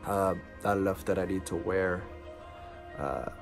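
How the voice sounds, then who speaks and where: A man giving a casual, halting and matter-of-fact video diary update, sounding congested from nose packing. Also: low voice, gravelly, faint music behind. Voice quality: congested, blocked nose from nose packing after surgery. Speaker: vlogger.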